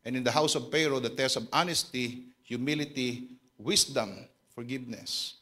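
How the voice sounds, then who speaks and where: A man with a Filipino accent preaching a sermon, telling a story dramatically and dropping to a hush for quoted lines. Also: medium pitch, normal speed.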